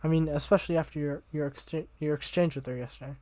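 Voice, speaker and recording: A woman's voice: low-pitched, fairly even intonation, fast talker, mellow, no echo, lightly acted. A man voicing a cheerful, teasing teenage girl who leads a school club, in his own plain voice.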